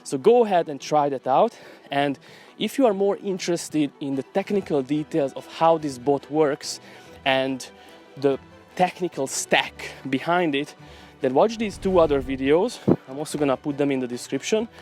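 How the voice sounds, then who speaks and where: A man's voice: fairly high pitch, normal speed, darkish tone, faint music behind. Upbeat salesy man vlogging outdoors. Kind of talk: casual direct-to-camera vlog. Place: outdoors, walking uphill.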